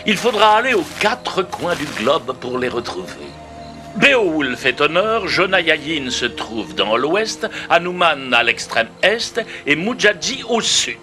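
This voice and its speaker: An actor playing a learned, excitable mentor of a boy hero in a French cartoon dub, speaking in formal, pompous phrases. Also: fairly high pitch, a little slow, heavily acted. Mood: emphatic. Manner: pompous, formal, ornate diction. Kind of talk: French animated series dubbing. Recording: clear music behind the voice.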